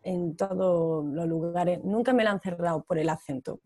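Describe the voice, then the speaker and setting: A woman's voice: fairly low pitch, moderate pace, a little mellow. A woman who works as an actress abroad, talking candidly in an interview and laughing between her thoughts. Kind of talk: casual interview conversation.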